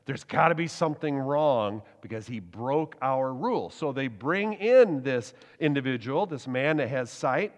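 A man preaching a sermon, telling the story in a lively, animated way with laughs and acted-out quotes. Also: mid-range voice, a little slow, few pauses. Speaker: pastor. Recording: long hall reverb.

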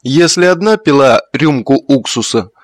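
A man's voice: medium pitch, expressive, moderate pace, no room sound, natural voice. A man reading a jovial, teasing old father.

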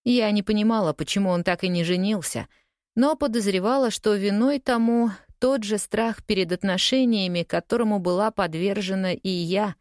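A woman's voice: medium pitch, moderate pace, darkish tone, no echo, clean studio sound. A woman narrating a first-person audiobook in a wry, confiding storytelling way.

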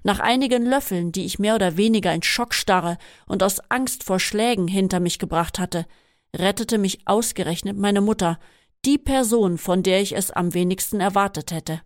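A woman reading a first-person memoir aloud in a steady, measured way. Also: mid-range voice, no room sound, studio quality. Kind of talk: scripted first-person narration.

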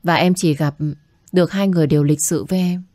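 A woman's voice: fairly low pitch, steady tone, fast, dry recording, clean studio sound, lightly acted. A woman voicing a humble pleading young woman. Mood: earnest. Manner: pleading, soft, polite. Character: young woman, poor medical student, earnest and humble.

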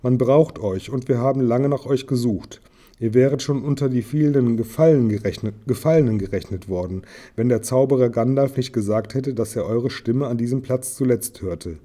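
A man reading the part of a strong, helpful male soldier who speaks directly and calmly. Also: medium pitch, moderate pace, lightly acted. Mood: earnest.

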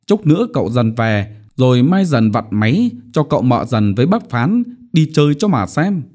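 A naive little boy chirps high, lively questions in a storybook reading, coaxing and eager to please. A man puts him on with a raised, animated voice. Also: moderate pace. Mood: eager pleading.

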